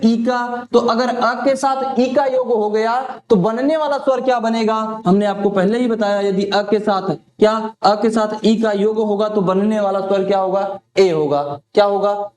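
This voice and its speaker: Male tutor, very high pitch, question-and-answer drilling style, roomy echo. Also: darkish tone. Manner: asks a question, then answers it himself. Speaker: teacher. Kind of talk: exam-prep lesson. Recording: echoey room.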